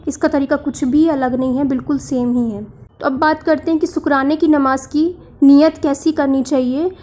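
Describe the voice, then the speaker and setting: A woman calmly explaining a religious practice step by step, listing points by number. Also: sits high, a little hiss or hum. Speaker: religious instructor.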